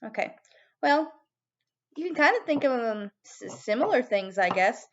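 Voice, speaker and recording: A woman giving a video music lesson to young children as their teacher, animated and prompting them with questions. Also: fairly high pitch, normal speed, lo-fi sound.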